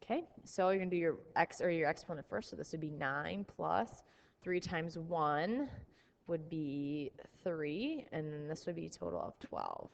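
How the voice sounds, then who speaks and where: A woman's voice: sits low, expressive, a little slow, gravelly, slight background noise. A woman teacher explaining math problems to her class, talking through each step aloud in a recorded lesson.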